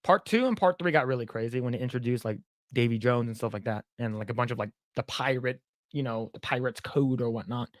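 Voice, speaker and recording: A young podcast co-host talks a little fast in a mid-range voice, his casual chat rambling and blunt, sprinkled with swearing. The sound is clean studio quality with no echo.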